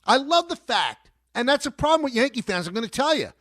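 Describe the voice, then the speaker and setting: Casting: middle-aged male sports radio host, high lively voice, emphatic and combative, dry studio sound. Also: fairly quick, no echo. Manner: emphatic, argumentative, repeats points.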